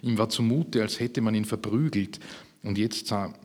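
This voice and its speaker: A man reading his own fiction aloud at a literary event, measured and slowing for emphasis. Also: fairly low pitch, darkish tone, slightly rough. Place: public reading at a literary festival.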